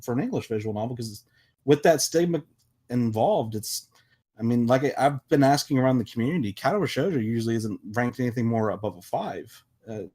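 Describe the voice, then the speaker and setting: This podcast panelist, a visual novel developer, has a mid-range voice that's warm and husky. Speaking casually, he's emphatic and frequently starts his sentences over while making his point.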